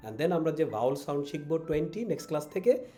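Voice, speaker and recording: A man with a Bangladeshi accent teaching English pronunciation online, repeating each word slowly and mixing in English phrases. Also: on the high side, animated, dark tone, soft background music. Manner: drills words with slow repetition; mixes English phrases into his talk.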